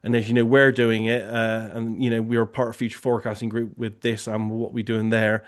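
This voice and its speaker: With a fairly low pitch and a flat, brisk delivery, a man runs a casual online Q&A as session host and remote viewing tasker. His talk is loose and full of "you know" fillers.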